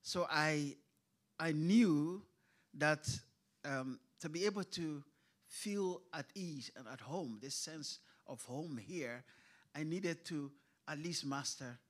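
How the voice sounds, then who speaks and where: Speaking slowly in a slightly high voice, a man who grew up in Kuwait takes part in a literature panel as a writer, on stage in an event hall. He's hesitant, often restarting and using fillers.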